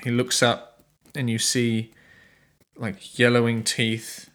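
A man narrating an improvised tabletop game as game master, halting as he searches for words. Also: medium pitch, completely flat delivery, a bit bright.

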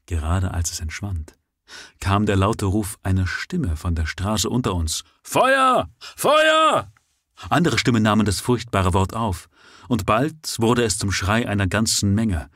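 A man reading a story aloud live at sight, with expressive, unhurried narration. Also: fairly low pitch, dry recording, clean studio sound. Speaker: audiobook narrator.

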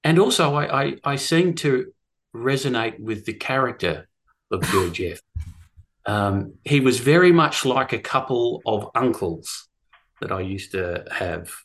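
A man's voice: medium pitch, animated, unhurried, a bit bright. A middle-aged man with an Australian accent, telling his story reflectively in a hesitant, thoughtful way. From rural Australia. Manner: hesitant, thoughtful phrasing with repeated words. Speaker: guest, course teacher. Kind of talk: reflective personal storytelling in conversation.

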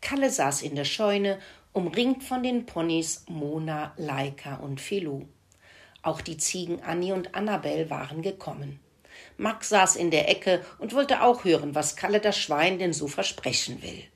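A woman reading a children's farmyard story aloud in a gentle, expressive way. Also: fairly low pitch, unhurried.

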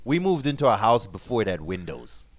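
A man's voice: lowish voice, sing-song, brisk, a little hiss or hum. A man co-hosting a podcast, teasing the others and laughing a lot in casual chat. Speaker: podcast co-host.

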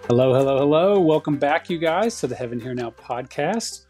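A man's voice: on the high side, animated, normal speed, warm tone. A man hosting a podcast, talking in a casual, upbeat and friendly way with frequent fillers. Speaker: podcast host. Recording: music bed behind the voice. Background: background music.

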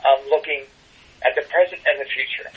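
Older man, husky, muffled phone sound. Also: medium pitch, steady tone, a little fast. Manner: hesitant, many ums and restarts. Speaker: tarot reader guest. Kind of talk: casual interview chat.

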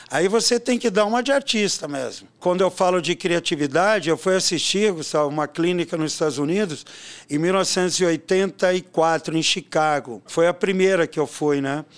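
Older man with a high, smooth voice. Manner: animated storyteller, peppers talk with tag questions. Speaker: swimming coach and educator. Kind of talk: casual interview talk.

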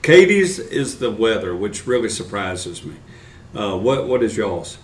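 A man's voice: lowish voice, sing-song, a little slow, reverberant, far from the mic. A man hosting a casual church discussion show, talking loosely with restarts and fillers. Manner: conversational, with frequent restarts and fillers. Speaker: host. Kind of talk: casual church podcast chat.

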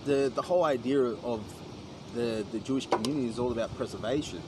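An Australian man from Western Sydney in relaxed casual chat, swearing casually and often asking "you know what I mean". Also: medium pitch, fast talker. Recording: outdoor traffic noise.

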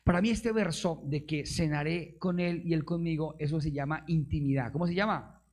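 A pastor preaches a live sermon, firing rhetorical questions at the congregation, trading call-and-response and adding bursts of emphasis. He's playful, joking and laughing with the audience. His voice is a little high and darkish, at a moderate pace.

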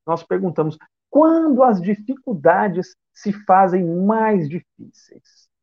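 A man's voice: high-pitched, muffled recording. A Brazilian man giving a spiritist lecture, reflective, asking rhetorical questions. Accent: Brazilian Portuguese. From São Paulo state, Brazil. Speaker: spiritist speaker.

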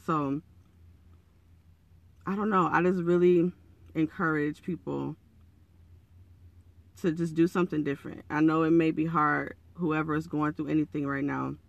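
Male podcaster, raspy and hoarse, crackly fry, slightly high pitch, earnest, encouraging, casual monologue. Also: fairly even intonation, a little slow, pauses often, no echo, dull audio. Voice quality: raspy, froggy morning voice. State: hoarse from early morning. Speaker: podcast host.

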